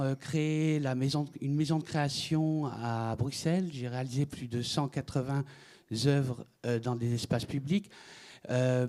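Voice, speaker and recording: A man's voice: medium pitch, dark tone. A middle-aged man from France giving a conference talk, hesitant, with many fillers and restarts. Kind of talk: conference presentation.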